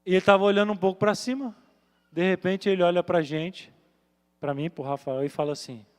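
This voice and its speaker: High-voiced preacher telling a dramatic story. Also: male voice, fairly even intonation, brisk, smooth. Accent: Brazilian Portuguese, Minas Gerais. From Minas Gerais, Brazil. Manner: dramatic storyteller acting out voices, swinging from loud to hushed. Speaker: pastor. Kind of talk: sermon storytelling. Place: large church hall. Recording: reverberant church hall with music.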